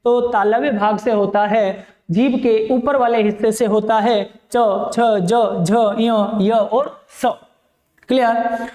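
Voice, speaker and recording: Male teacher, very high voice, roomy classroom sound, drills students with repeated questions. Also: steady tone, darkish tone. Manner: repeats questions to students and answers them himself; recites letters slowly one by one. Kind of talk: classroom grammar lesson.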